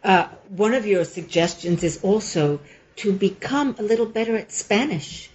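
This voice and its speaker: A woman's voice: mid-range voice, animated, a little mellow, a little hiss or hum. A woman hosts a podcast interview in a courteous, slightly formal way, now and then hesitating over a word. The recording sounds somewhat muffled and lo-fi. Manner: courteous, formal, a little halting. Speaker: interview host.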